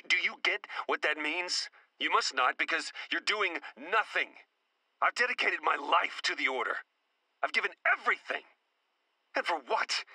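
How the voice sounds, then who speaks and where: An actor playing a harried, wisecracking secret agent in a dramatic video game trailer, with a wry, sarcastic manner. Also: male voice, on the high side, pushed and bright, slightly rough, dry recording, full character voice, poor audio. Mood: frustrated, bitter.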